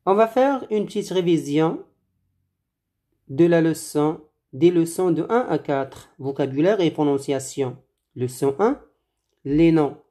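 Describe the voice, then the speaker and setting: A French teacher giving a slow, deliberate lesson, saying words one at a time and repeating them for learners. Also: medium pitch, lively intonation, warm tone.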